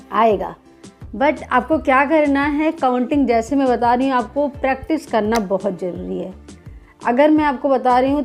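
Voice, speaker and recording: A woman with a high voice teaches dholak in a chatty, encouraging way. Her throat is slightly sore. Faint dholak drumming sounds behind her. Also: dark tone. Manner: chatty, encouraging, counts beats aloud. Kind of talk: casual music lesson.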